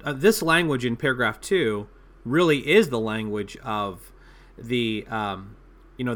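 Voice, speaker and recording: A man on a theology panel, explaining doctrine in a thoughtful, halting way with many fillers and restarts. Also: mid-range voice, fairly bright tone.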